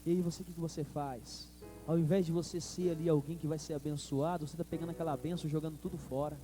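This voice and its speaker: Brazilian pastor preaching, high mellow voice. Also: male voice, fairly even intonation, fast, soft background music. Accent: Brazilian Portuguese. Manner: preaching with call-and-response to the congregation. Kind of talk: sermon.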